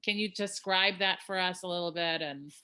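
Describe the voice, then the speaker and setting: A woman's voice: fairly low pitch, normal speed, pushed and bright, a little hiss or hum. A woman interviewer asking questions hesitantly, with many fillers and restarts.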